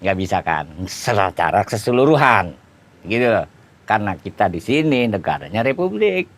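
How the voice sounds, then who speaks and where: Casual Indonesian preacher, chatty teaching tone. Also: male voice, fairly low pitch, big pitch swings, normal speed. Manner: conversational, explaining with everyday examples and repeated tag phrases. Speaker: Islamic preacher. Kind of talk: informal religious lecture.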